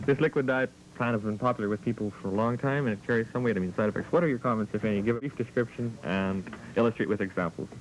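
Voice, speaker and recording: A man hosting an amateur comic talk show, introducing guests with mock-formal, deadpan patter. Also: mid-range voice, fast talker, a little hiss or hum, rough recording.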